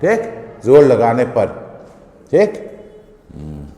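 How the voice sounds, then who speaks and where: A man's voice: mid-range voice, wildly swooping pitch, slow pace, warm tone. A male teacher giving a physics lesson in a classroom, explaining step by step and often asking students questions. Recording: echoey room, long reverb.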